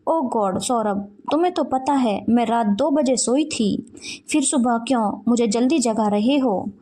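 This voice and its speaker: A woman's voice: fairly high pitch, a little slow, mellow. A woman voicing a lazy, irritable young wife who grumbles and waves off her family. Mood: irritated. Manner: grumbling, dismissive.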